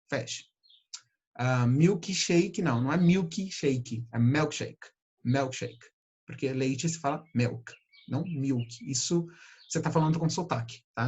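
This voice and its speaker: A Brazilian man teaching English pronunciation, patiently repeating sounds slowly to demonstrate them. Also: a little high, husky. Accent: Brazilian Portuguese. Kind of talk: pronunciation lesson.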